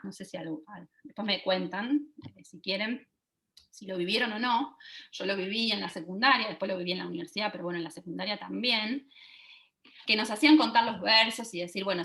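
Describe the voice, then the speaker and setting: A woman in her forties teaches over a video call at a mid pitch for a woman. She explains things step by step and keeps checking that her audience is following with quick questions. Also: pushed and bright. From Argentina. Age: 40s. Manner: checks in with listeners by asking "¿sí?". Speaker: lecturer. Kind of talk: online teaching talk.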